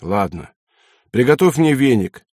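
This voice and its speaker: A man's voice: mid-range voice, very animated, unhurried, a little mellow, dry recording, clean studio sound. A man voicing a hard, cynical young male army lieutenant who speaks curtly and commands. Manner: curt and commanding, sometimes mocking.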